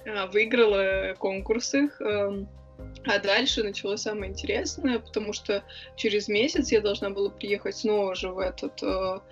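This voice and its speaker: Soft music plays under a muffled recording of a young woman being interviewed informally about her work as a writer and club organizer. She talks quickly and chattily, hesitating a lot, in a mid-range voice with a steady tone.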